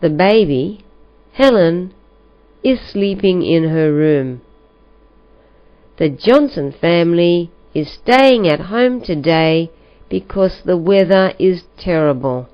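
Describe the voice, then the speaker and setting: Slow, careful woman reading a listening test. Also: lowish voice, expressive. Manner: slow, careful, evenly paced delivery. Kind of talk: slow scripted reading for learners. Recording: dull lo-fi recording.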